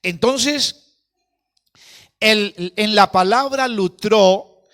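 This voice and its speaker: A man's voice: high voice, drawn-out words, fairly bright tone. A man preaching a pentecostal sermon, repeating key words and breaking into praise between phrases. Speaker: pastor.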